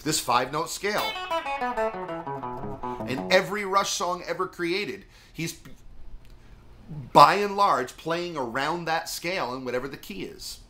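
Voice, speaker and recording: A man's voice: fairly high pitch, lively intonation, a little slow, long pauses, pushed and bright. Chatty man giving a guitar lesson. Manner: rambling, chatty, lots of fillers. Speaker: music teacher. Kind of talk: casual video guitar lesson.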